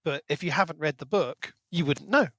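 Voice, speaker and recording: On this book podcast, the male co-host chats casually near the microphone while working through a prepared recap. He speaks at a normal speed, his pitch on the high side and his tone fairly bright, with no echo in the recording.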